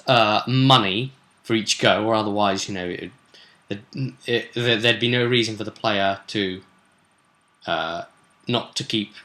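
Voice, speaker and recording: Recounting sessions in a casual recap vlog, a game master with a British accent speaks with a low-leaning voice that sounds pushed and bright. His style is rambling and colloquial, with frequent stops and starts.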